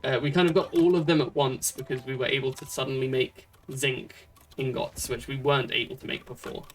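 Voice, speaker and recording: A streamer from Britain giving casual commentary while playing a game, chatty and thinking out loud with many fillers and restarts. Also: medium pitch, steady tone, a little fast.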